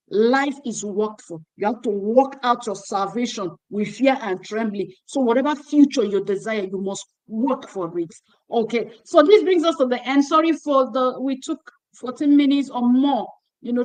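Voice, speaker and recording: Holding a phone in her hand, a woman hosts a youth ministry livestream and gives closing remarks, exhorting young women in a preacherly way and repeating phrases. Her voice is on the high side, and the recording is rough.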